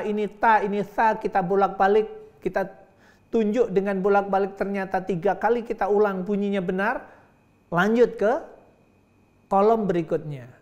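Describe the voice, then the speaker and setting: A man's voice: high voice, lo-fi sound. A middle-aged man giving a lecture on teaching Quran reading, patiently drilling syllables aloud and praising as he demonstrates.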